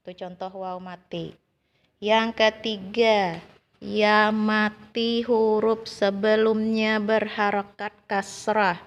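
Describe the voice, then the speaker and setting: Slow, gravelly Indonesian woman teacher. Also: medium pitch, level tone, dull audio. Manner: patient, repeats each example and draws out the long vowels when modelling them. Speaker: Quran recitation teacher. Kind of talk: classroom lesson explaining Quranic long vowels.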